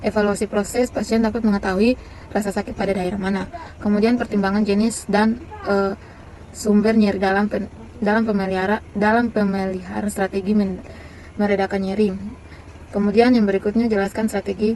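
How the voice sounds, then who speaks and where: Flat-voiced woman reading a nursing plan. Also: mid-range voice, slight background noise, rough recording. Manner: halting, with many fillers and restarts; flat, list-like delivery.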